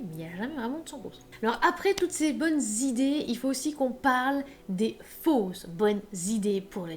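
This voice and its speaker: A chatty woman gives writing advice in a loose, animated way, peppering her talk with little fillers and asides. Her voice sits a bit high for a woman. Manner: chatty, animated, many fillers like hein and bah. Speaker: author giving writing advice. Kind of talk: casual advice video.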